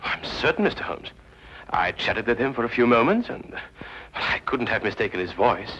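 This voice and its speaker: An actor playing a smooth, scheming museum curator who keeps a polite, sly composure. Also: male voice, mid-range voice, sing-song, normal speed, fairly bright tone. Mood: earnest. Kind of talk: 1950s TV drama acting. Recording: dull 1950s TV soundtrack with music.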